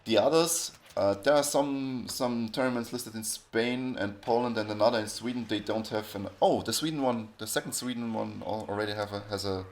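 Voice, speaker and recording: Rambling low-voiced podcast host, man. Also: moderate pace, few pauses. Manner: rambling, frequent restarts and self-corrections. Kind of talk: casual podcast chat.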